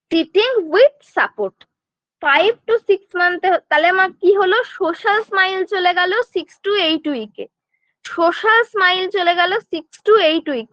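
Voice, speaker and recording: Woman tutor, high voice, quizzing style, dry muffled home recording. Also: sharp tone, no room sound. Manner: explains step by step, asks and answers her own questions; frequent check-ins to students. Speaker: nursing exam tutor. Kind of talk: online lecture.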